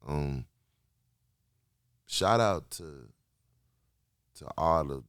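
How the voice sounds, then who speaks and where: A man in his late thirties from Kansas City, a musician guest telling stories in a slangy, animated way. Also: extremely low pitch, extremely slow, dry recording, clean studio sound. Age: 30s. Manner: slangy, repetitive, animated storytelling. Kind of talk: casual interview chat.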